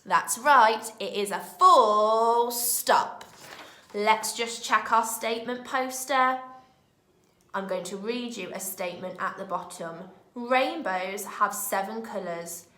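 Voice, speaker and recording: A woman teaching young children in a recorded lesson, with a British accent and a clear, expressive way of talking. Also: fairly high pitch, roomy sound. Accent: British English. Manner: slow, clear and expressive, speaking to small children. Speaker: primary school teacher.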